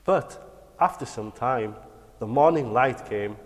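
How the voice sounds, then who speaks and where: A man telling religious bedtime stories to children like a kids' show host, animated and encouraging. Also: medium pitch, takes it slowly. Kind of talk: dramatic bedtime religious storytelling. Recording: long hall-like reverb.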